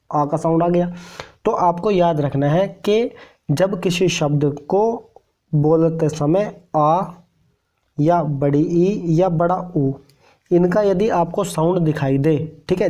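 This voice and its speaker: Mellow-voiced male Hindi teacher. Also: a little high. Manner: patient, repeats points and checks in with "ठीक है"; stretches out vowel sounds to demonstrate them. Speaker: Hindi exam-prep teacher. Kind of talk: classroom-style explanation.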